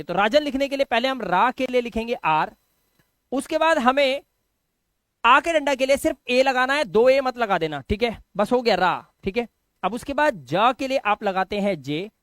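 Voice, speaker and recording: A man teaching an online lesson, explaining step by step, repeating words slowly and checking that students follow. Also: very high voice, a bit bright, no room sound. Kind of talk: online lesson explaining Hindi to English spelling.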